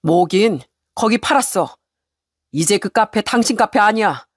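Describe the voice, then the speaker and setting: A woman voicing a resolute husband who answers his wife in a cold, measured, firm tone. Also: mid-range voice, expressive, breathy edge, no room sound, clean studio sound. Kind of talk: story radio reading.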